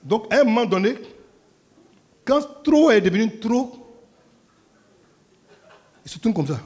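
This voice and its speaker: A man's voice: high voice, slow pace. A man preaching a sermon, telling stories animatedly and acting out scenes. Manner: animated storytelling, acts out scenes, laughs along. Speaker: pastor.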